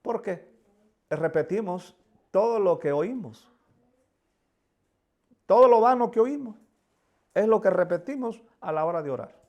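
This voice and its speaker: Gravelly-voiced man preaching with fervor. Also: high voice, lively intonation, a little slow, long pauses, dull audio. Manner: fervent, pleading prayers with many repeated words. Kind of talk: sermon.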